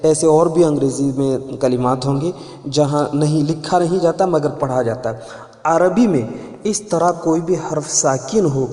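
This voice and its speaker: A man's voice: fairly high pitch, mellow. Man teaching grammar in an echoey room. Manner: patient, repeats key points for emphasis. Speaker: Arabic teacher. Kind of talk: spoken grammar lesson. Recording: echoey room with long reverb.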